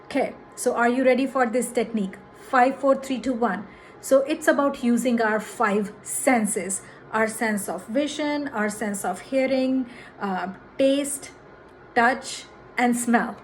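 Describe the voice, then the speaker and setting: A woman with a somewhat high voice talks viewers through a calm grounding exercise. She teaches like a counselor, encouraging and restating her key points. The recording carries a faint background noise. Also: slow pace. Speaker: counselor presenting a grounding technique.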